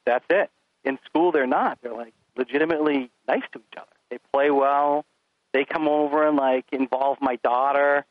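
A man's voice: mid-range voice, normal speed, no echo, narrow, tinny audio. A middle-aged man, chatting casually as a podcast guest and acting out stories about his kids. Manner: animated storyteller acting out his kids and himself. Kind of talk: casual chat.

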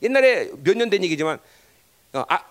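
A man's voice: sing-song, brisk. A man preaching a sermon, emphatic, constantly asking the congregation for agreement. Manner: emphatic, pitch swinging widely, constant tag questions to the congregation. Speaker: pastor.

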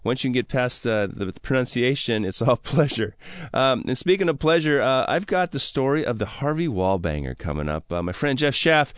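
A man's voice: medium pitch, big pitch swings, moderate pace, no room sound, clean studio sound. An older man hosting a radio talk show, chatty and laughing often, with many ums and uhs. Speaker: radio show host and sommelier. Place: radio studio.

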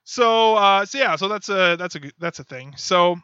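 A man hosts a casual podcast and tells stories in a light, chatty way, often laughing. His voice sits a bit high and sounds bright. The audio is dull, lo-fi and dry. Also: lively intonation, moderate pace, clean tone, dry recording. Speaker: podcast host.

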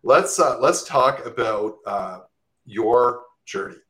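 A man's voice: medium pitch, expressive, takes it slowly, a bit bright. A man hosting a podcast interview in a conversational, affirming way, often adding "right?". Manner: affirming, tag questions like "right?". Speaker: podcast host.

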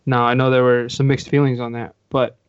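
A man's voice: mid-range voice, little pitch movement, brisk, clear, resonant tone, no room sound. A man hosts a casual football podcast and tells rambling, anecdotal stories, often restarting his sentences. The recording is dull and lo-fi, and it sounds dry with no room around the voice. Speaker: podcast host.

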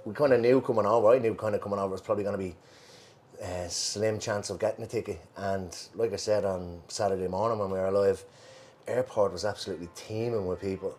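A man's voice: lowish voice, steady tone, fast, darkish tone, slight background noise. An Irish man co-hosting a football show in casual chat, colloquial and wry. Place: pub in Liverpool. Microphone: worn mic.

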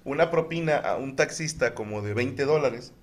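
A man's voice: medium pitch, normal speed. A man telling stories in a casual comedic podcast chat and acting out other people's lines. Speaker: podcast co-host.

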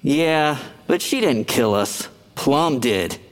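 A snarky, blunt ghost. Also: male voice, mid-range voice, lively intonation, slow pace, long reverb tail. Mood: sarcastic. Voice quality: sarcastic, blunt. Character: snarky male ghost actor, Colonel Mustard role. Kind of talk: audio drama acting.

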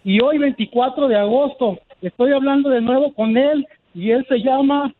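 Man, nervous caller, very high voice, muffled lo-fi line. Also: normal speed. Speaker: caller, listener selling ceviche. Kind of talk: grateful phone call to radio show.

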